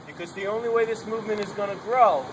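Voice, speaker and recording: Talking fast in a high, steady, projecting voice, a man addresses an outdoor protest gathering without amplification at an open mic. His speech is emphatic and urging, and he hammers his points home with repetition. The outdoor recording is noisy.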